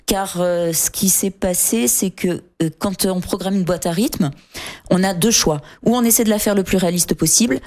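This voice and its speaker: A woman's voice: medium pitch, normal speed. Woman musician chatting on radio. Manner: relaxed storytelling with fillers. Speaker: singer and guitarist guest. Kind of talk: casual radio interview.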